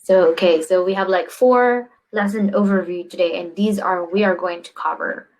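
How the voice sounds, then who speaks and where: A woman's voice: lowish voice, steady tone, moderate pace, darkish tone, low-quality recording. A young woman tutoring English on a video call, asking patient guiding questions. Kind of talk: online English lesson. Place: indoor room, video call.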